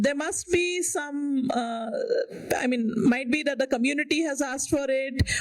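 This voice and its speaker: A woman moderating a panel, asking questions politely and hesitantly. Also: sits high. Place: conference panel. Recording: distant mic in a conference hall.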